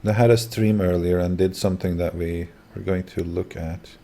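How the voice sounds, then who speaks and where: A man's voice: low voice, steady tone, moderate pace, mellow, a little hiss or hum. A man hosting a livestream, talking casually to his viewers and guests. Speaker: livestream host.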